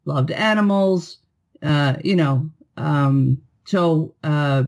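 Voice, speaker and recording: A woman's voice: low voice, drawn-out words, darkish tone. Reflective woman from New York. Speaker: poet and author, guest. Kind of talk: interview answers.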